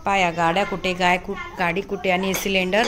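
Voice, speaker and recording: A woman's voice: lowish voice, level tone, brisk. A young woman, a mother talking casually to her children and her viewers, coaxing and playfully scolding. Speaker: vlogger, mother. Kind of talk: casual family vlog chat. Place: home, in and out of doors. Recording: noisy home phone recording.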